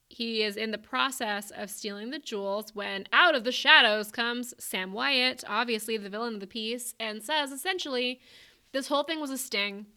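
A woman's voice: fairly high pitch, pushed and bright, smooth. A young woman co-hosting a podcast, chattily retelling a book's plot with lots of fillers. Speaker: podcast co-host. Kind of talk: casual book chat.

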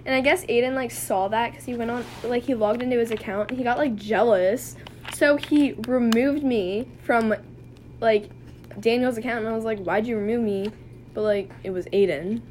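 A woman's voice: fairly high pitch, normal speed, a little mellow, a little hiss or hum. A young woman co-hosting a casual chat, animatedly reading out text messages and giggling. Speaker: podcast co-host.

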